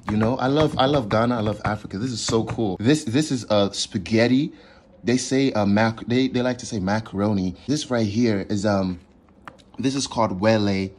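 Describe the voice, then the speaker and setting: A man vlogging casually to camera as he tries a dish for the first time, excited and halting, with lots of restarts and fillers. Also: medium pitch. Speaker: food vlogger. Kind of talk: casual food vlog to camera. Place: in Ghana.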